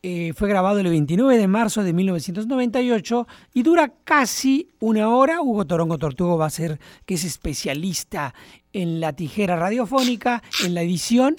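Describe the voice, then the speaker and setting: A radio host at a middle pitch speaks in an easy, conversational manner while introducing a recorded album. The studio sound is close and dry. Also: animated, a little fast, dry recording.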